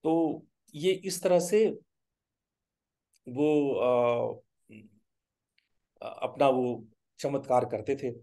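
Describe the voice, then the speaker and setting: A man telling a spiritual story in a webinar, unhurried and pausing on fillers. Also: medium pitch, lively intonation, dark tone. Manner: unhurried, slips in fillers and short asides while telling the tale. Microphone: video call.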